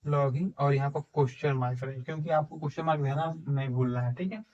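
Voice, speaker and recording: A man teaching English grammar in with a tinge, dictating examples slowly and checking in with his students. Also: on the high side, darkish tone, recorded from a distance, dull audio. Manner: slow dictation of example sentences, frequent "ठीक है" and rhetorical questions. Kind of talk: explaining a grammar lesson in Hindi.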